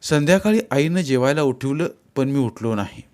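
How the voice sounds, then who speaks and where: A man reading a literary story aloud in a measured, unhurried narration. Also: medium pitch, expressive, a little mellow.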